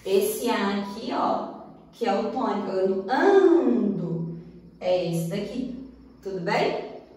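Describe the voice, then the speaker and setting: A woman's voice: medium pitch, takes it slowly, darkish tone. A woman with a Brazilian Portuguese accent teaching a grammar lesson, who keeps checking in with the class as she explains. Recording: very echoey room, far from the mic.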